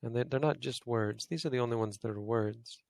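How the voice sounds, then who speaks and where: This Pali-teaching Buddhist monk goes over grammar with a study group at a fairly quick clip, musing aloud and regularly correcting himself. His voice is mid-pitched and gravelly, and the dry recording sounds close, with no room around it.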